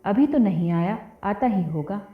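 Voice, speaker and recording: A woman voicing a proud, sharp-tongued older village aunt who talks curtly and scolds. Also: mid-range voice, expressive, unhurried, close to an everyday voice. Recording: tinny phone-like audio, roomy, faint music.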